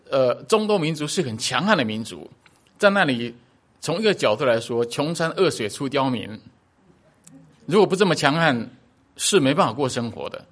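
A man speaking to a church congregation in a chatty teaching manner, with fillers and the odd laugh, slowing right down to spell out foreign words. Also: mid-range voice, a bit bright. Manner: slows down to spell out Hebrew words. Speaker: preacher teaching a Hebrew song.

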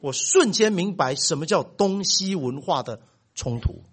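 A middle-aged man preaching a sermon as pastor, telling stories with big swings in loudness. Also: on the high side, lively intonation, unhurried, husky.

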